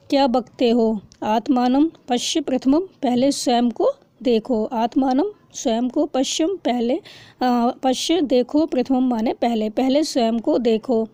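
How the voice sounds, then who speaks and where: Woman teacher, high mellow voice, phrase-by-phrase lesson reading, explains each word, dry close recording. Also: dry recording. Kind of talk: reading and translating a textbook lesson.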